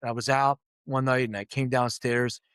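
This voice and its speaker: A medium-pitched, level, fairly bright and clean voice belongs to a middle-aged man speaking at a moderate pace without echo. He's an interview guest, a CEO from Lithuania who grew up in Philadelphia, recounting his life with openness, self-deprecating humor, and acted-out quotes.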